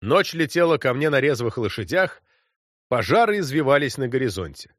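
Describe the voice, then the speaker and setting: Man narrating an audiobook, lively pitch, slightly high voice, dry close sound. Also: moderate pace, dry recording. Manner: expressive literary reading.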